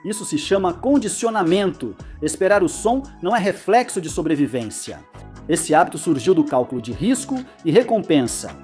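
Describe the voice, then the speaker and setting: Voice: mid-range voice, animated, normal speed, darkish tone, faint music behind. A narrator reading a scripted educational explainer, with playful asides.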